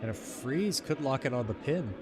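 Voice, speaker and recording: A male curling commentator talking the viewer through each shot in an easygoing, conversational way. His voice sits in a middle register, with steady noise hissing behind him. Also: mid-range voice, normal speed. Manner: relaxed, chatty play-by-play with laughs. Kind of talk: sports commentary.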